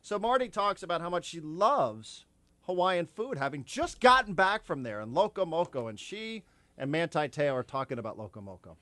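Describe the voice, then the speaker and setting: A male radio host in the studio, his voice sitting a little on the high side and very close and dry on the studio mic. He rambles along animatedly, doubling up his words as he goes. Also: sing-song, normal speed, sharp tone, no echo. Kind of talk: sports talk radio chat. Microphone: studio microphone.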